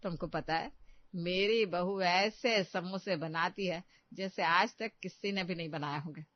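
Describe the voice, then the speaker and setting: A woman's voice: fairly low pitch, no room sound, close to an everyday voice. A woman playing a boastful, bossy older mother-in-law in a cartoon story, who brags and gives orders. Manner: bragging, commanding. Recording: dull, dry lo-fi.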